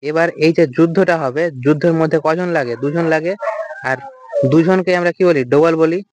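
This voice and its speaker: A man's voice: fairly high pitch, steady tone, a little fast, noisy background. A man teaching an English vocabulary lecture, explaining step by step and asking and answering his own questions. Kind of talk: recorded lecture.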